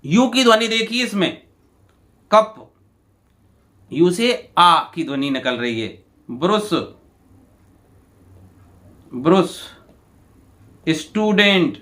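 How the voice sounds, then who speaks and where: Bright, high-voiced male teacher, slow. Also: expressive. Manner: repeats each word slowly, calling listeners "bhai". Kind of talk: exam answer walkthrough lesson.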